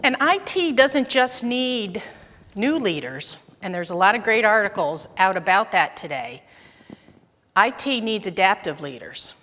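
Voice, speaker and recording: A woman in her fifties gives a conversational talk in a conference auditorium, sharing anecdotes from her career. Her mid-range voice is expressive and fairly bright, her pace a little slow, and the room sounds big.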